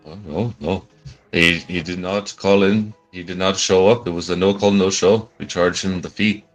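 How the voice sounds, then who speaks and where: A man's voice: deep voice, steady tone, moderate pace, soft background music, close to an everyday voice, low-quality recording. A man playing a male witness from a doctor's office in a courtroom role-play game, explaining things hesitantly. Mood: calm.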